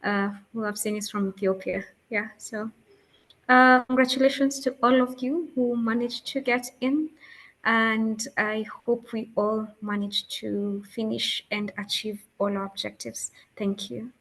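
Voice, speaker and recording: A woman's voice: on the high side, steady tone, unhurried, a bit bright, rough recording. A woman from Kenya introducing herself on a video call, upbeat and earnest. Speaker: fellowship participant.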